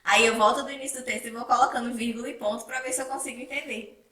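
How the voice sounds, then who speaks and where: A young woman co-hosting a casual chat, relaxed and agreeable, thinking out loud as she talks. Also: a little high, very fast. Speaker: co-host. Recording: echoey room, mic at a distance.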